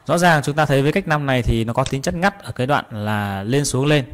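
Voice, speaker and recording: A patient man from Vietnam teaches strumming, calling out each down and up stroke. His voice sits at a middle pitch. Faint guitar plays behind him. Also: animated, fast. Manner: patient, repeats and calls out strum patterns. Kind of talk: guitar lesson, counting strums aloud. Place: guitar class room.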